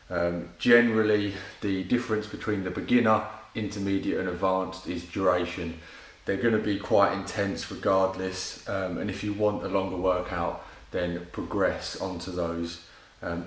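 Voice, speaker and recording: A fitness instructor with a lowish voice leads a home workout demo, casual and encouraging, calling out cues as he exercises and getting out of breath. The recording is low-quality with a roomy sound.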